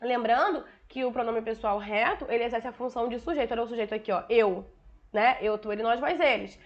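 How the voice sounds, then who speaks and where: High-voiced Brazilian woman teaching grammar. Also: brisk, muffled recording. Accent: Brazilian Portuguese. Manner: explains with frequent "né?" and "tá?" check-ins, addresses students as "galera". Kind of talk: online grammar lesson.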